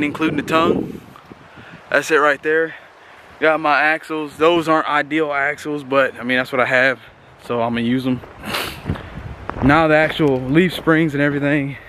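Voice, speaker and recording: A man giving a casual, rambling vlog walkthrough in an informal, folksy way, talking to his viewers. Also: a little high. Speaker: vlogger showing equipment bought for a business. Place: outdoors on a windy day. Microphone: handheld camera, flipped between self and subject. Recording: loud wind and outdoor noise on microphone.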